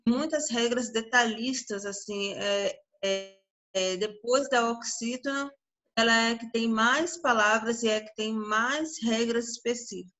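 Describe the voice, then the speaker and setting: Brazilian woman teacher, slow and bright, stretches out example words, keeps checking in with the class. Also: a little high. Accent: Brazilian Portuguese. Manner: drawn-out syllables, frequent check-ins with the class. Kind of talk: online grammar lesson.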